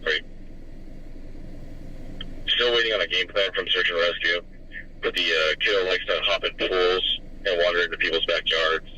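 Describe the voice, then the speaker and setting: A police officer, a man, speaking over a police radio transmission in clipped, matter-of-fact radio traffic with halting fillers. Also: deep voice, steady tone, bright, forceful tone. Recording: muffled scanner radio with hiss.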